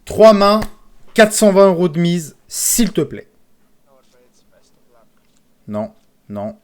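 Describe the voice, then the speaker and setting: A man streaming casino games, commentating live, excitable, pleading with the game and calling out sums. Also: sits high, drawn-out words.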